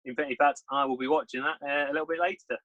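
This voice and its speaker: A man, a guest talking in a relaxed, modest way over a video call from home. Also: a little high, very fast, lo-fi sound. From England. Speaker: guest, sports writer. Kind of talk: casual interview chat.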